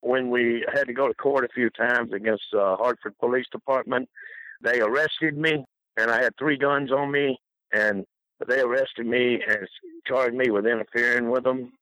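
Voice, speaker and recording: A man's voice: medium pitch, fairly even intonation, normal speed, pushed and bright, no echo, rough recording. An older American man, rambling through folksy, colloquial anecdotes as an interview guest. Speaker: interview guest telling career stories. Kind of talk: rambling anecdotal casual talk.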